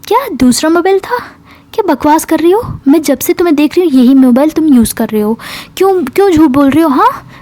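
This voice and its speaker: A woman storyteller voicing a pushy, excited young woman who fires off insistent questions at her girlfriend. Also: high voice, no echo. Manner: insistent, rapid-fire questions.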